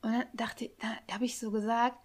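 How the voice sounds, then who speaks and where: Young woman, fairly high voice, casual chat, animated storytelling, acts out quotes. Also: normal speed. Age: young adult. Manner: animated retelling, acts out quotes, frequent tag questions.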